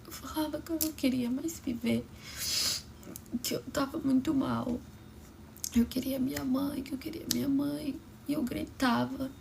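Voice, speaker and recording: A young woman with a high, gravelly voice tells a personal story, dropping often into a soft whisper. Her delivery stays emotional and close. A light hiss of noise lies under it. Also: steady tone, normal speed.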